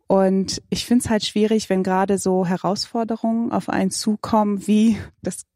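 A woman speaks on a panel in a reflective, conversational way. Her voice is mellow and warm. The recording is dry and close. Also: mid-range voice, little pitch movement, normal speed, no room sound. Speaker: panel guest. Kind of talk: personal account in a panel talk.

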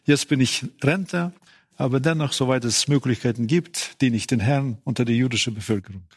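A man's voice: medium pitch, a little fast, slightly rough. Matter-of-fact older man, retired pastor. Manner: brief, matter-of-fact statements. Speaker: retired pastor, panel guest. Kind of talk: casual panel talk.

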